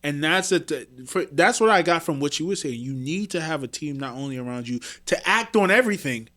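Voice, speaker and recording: A man's voice: fairly high pitch, lively intonation, brisk, pushed and bright. A young man co-hosting a podcast in casual chat, encouraging his partner and summing up the point. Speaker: podcast co-host.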